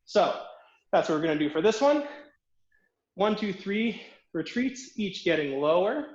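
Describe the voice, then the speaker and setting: A man's voice: sits high, very animated, a little slow, roomy sound, dull audio. A man coaching an online fencing footwork class, counting reps aloud as he demonstrates drills, out of breath from the exercise.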